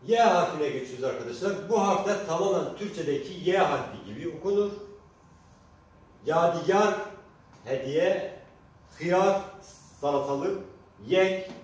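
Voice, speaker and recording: A man teaching Kurdish letters to Turkish speakers speaks slowly and deliberately, repeating example words and frequently addressing listeners. His voice is a little high and animated. The sound is very echoey and faintly noisy, picked up from far away.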